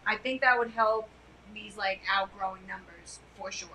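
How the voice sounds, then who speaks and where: A middle-aged woman co-hosting a podcast, chatting casually on a couch in a loud, emphatic way. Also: medium pitch, fairly even intonation, normal speed, slight background noise, low-quality recording. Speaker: podcast co-host. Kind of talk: casual chat. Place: living room couch.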